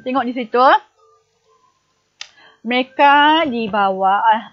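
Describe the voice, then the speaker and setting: A woman teacher with a high, light voice leads a recorded online lesson at an unhurried pace. She patiently puts questions to her young pupils and then answers them herself. The recording sounds dull and lo-fi. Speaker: primary school teacher.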